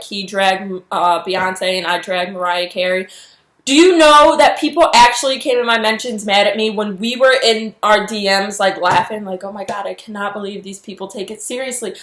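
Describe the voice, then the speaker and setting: A woman's voice: on the high side, reverberant. Exasperated young woman ranting in a vlog. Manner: animated, exasperated, heavy use of "like". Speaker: vlogger. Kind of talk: casual vlog rant.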